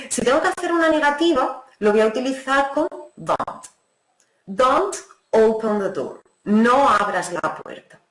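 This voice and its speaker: Teacher explaining grammar patiently. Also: female voice, fairly high pitch, roomy sound, poor audio. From Spain. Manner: patient, explanatory, frequent "¿vale?" checks, slows down for English examples. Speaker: English teacher. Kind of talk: online class explanation.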